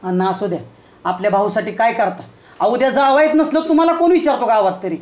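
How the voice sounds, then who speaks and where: A woman's voice: fairly high pitch, fast, darkish tone, reverberant, close to an everyday voice. An actress playing a fawning village woman who coaxes the son-in-law. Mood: coaxing.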